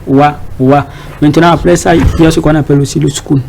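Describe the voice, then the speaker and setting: A man's voice: fairly high pitch, flat delivery, fast, gravelly, darkish tone, a little hiss or hum, rough recording. A man giving an informal Arabic reading lesson, hesitant, with many fillers, repeated words and rhetorical questions to the class. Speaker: Arabic teacher.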